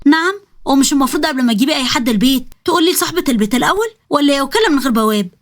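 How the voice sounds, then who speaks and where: A woman with an Egyptian accent voicing a sharp-tongued older mother-in-law who scolds with scorn. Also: high voice, lively intonation, racing. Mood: scornful. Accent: Egyptian Arabic.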